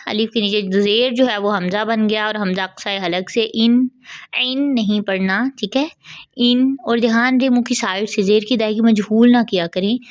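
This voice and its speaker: Patient woman recitation teacher, a touch high-pitched, drawn-out demonstrations, muffled lo-fi sound. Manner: patient, repeats "theek hai" between drawn-out demonstrations. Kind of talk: tajweed lesson with demonstrations. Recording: dull lo-fi audio.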